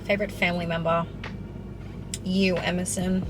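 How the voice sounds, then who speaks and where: A woman's voice: fairly low pitch, flat delivery, moderate pace, noisy background. A young Australian woman in her twenties answering viewer questions in a casual vlog, chatty and full of "like". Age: 20s. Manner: chatty, peppered with "like". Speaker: fitness vlogger. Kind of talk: casual Q&A to camera. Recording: music playing underneath. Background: background music.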